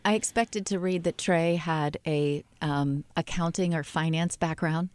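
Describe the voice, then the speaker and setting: Casting: American woman, middle-aged public radio host, lowish voice, conversational interviewing, close dry studio sound. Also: fairly even intonation, a little slow, a little mellow, no room sound. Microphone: studio broadcast microphone, close.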